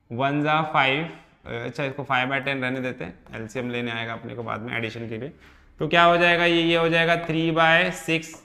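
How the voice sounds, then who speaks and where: Working through a physics problem one step at a time, a man teaches with a sharp tone and a slightly high voice. He keeps repeating points and checking on his students with "है ना" and "ठीक है".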